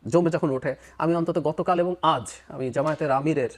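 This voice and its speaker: A man's voice: a little high, brisk. A man giving political analysis as a talk show guest, dropping English phrases into his speech. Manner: lively, mixes in English phrases.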